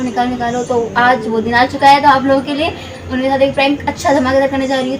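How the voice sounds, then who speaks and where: High-voiced woman vlogger. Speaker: prank vlogger. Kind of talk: casual vlog intro. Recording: distant mic, noisy background.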